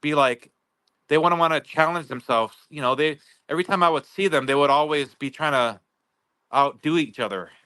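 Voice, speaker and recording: Guy guesting on a livestream, kinda high voice, rambles, lots of restarts. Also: sharp tone, clean tone. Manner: rambling, halting, many restarts. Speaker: guest neighbor. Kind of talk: casual livestream interview.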